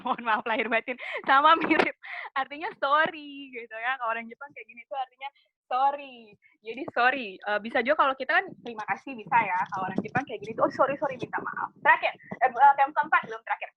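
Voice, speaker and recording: A chatty woman with a high voice presents a webinar on Japanese culture as a casual lecture with slides. She talks fast, asks the audience questions and laughs at her own jokes. The audio is dry and slightly dull, with a little hiss or hum.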